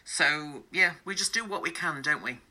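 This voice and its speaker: A radio presenter interviewing a caller in a relaxed, reassuring way, with plenty of fillers. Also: male voice, a little high, moderate pace, poor audio. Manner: warm, reassuring, chatty with fillers.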